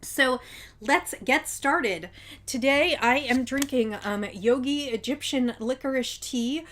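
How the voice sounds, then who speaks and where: This woman's high, slightly bright voice moves slowly as she chats casually to camera on her own show, a little hiss or hum in the audio. She sounds slightly stuffed up from a cold, talks freely, and fills pauses with ums.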